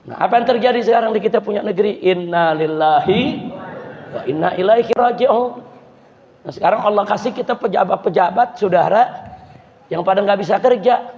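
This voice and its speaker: Man preaching, very high voice, fiery, rallying the crowd, long echo, dull mosque PA sound. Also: brisk, darkish tone. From Indonesia. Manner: mocks officials in acted quotes. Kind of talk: mosque sermon. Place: large mosque hall. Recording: echoey, dull mosque PA recording.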